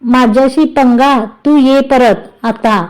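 Woman reading an irritated young husband, storybook, grumbling, mellow smooth voice. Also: sits high, slow pace. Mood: annoyed. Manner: annoyed, grumbling. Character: teasing young man, a husband.

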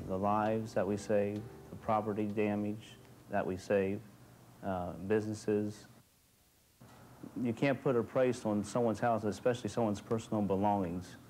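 An American man in his thirties speaks as a fire chief in a documentary interview. His voice is mellow and flat in intonation, with faint music behind. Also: on the low side. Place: fire station beside a truck, soft music behind.

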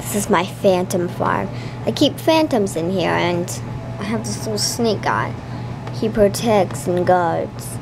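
A woman's voice: mid-range voice, expressive, measured pace, creaky. A young girl voicing a creepy, rambling grown man who brags about the phantoms he keeps. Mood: boastful. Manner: rambling, bragging. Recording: noisy room recording.

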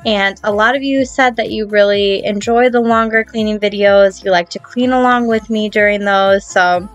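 A woman's voice: medium pitch, fairly bright tone. A woman in her thirties, a cleaning vlogger, narrating over her video in a chatty, friendly way with light laughs.

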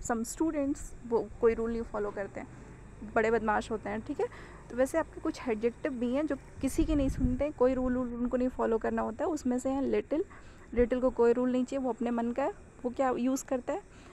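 A fairly high-voiced woman with an Indian accent, teaching grammar rules and switching between Hindi and English. She walks through each rule step by step, poses questions to the class and answers them herself, and slows right down for the English rule lines. A faint hiss of noise sits under the recording. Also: dark tone, low-quality recording.

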